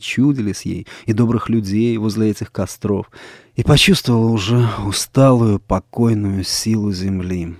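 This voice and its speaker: A man calmly narrating a literary story as an audiobook, in a measured reading. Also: on the low side, gravelly, no echo, studio quality.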